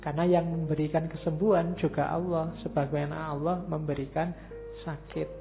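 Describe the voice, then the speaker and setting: A man's voice: on the high side, flat delivery, normal speed. A man giving a casual philosophy lecture, chatting with his audience and asking rhetorical questions. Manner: conversational, asks the audience rhetorical questions, homely examples. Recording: tinny lo-fi recording with faint music behind.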